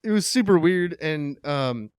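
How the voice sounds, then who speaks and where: A man co-hosting a podcast, telling crude stories in fast, rambling, profane casual banter. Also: a little high, expressive, darkish tone, clear, resonant tone, no echo, studio quality. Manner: fast, rambling storyteller, curses a lot. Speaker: podcast co-host.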